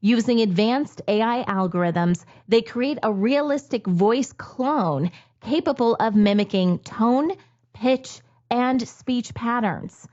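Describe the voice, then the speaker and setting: A woman's voice: a little high, takes it slowly, darkish tone, lo-fi sound. Woman reading a news script. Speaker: news anchor.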